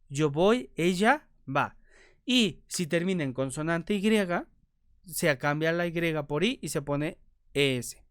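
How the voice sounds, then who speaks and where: Slow, patient male teacher, clear voice. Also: high voice, no echo, clean studio sound. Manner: patient, asks questions aloud then answers them; repeats points, checks understanding with "ok?". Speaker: English teacher. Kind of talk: video grammar lesson.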